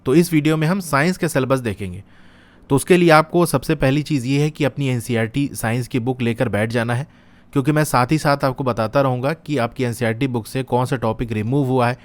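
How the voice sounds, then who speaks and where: A young man teaching, walking students step by step through a syllabus and checking in with them often. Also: medium pitch. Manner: explains step by step, checks in with "ठीक है". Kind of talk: syllabus walkthrough lesson.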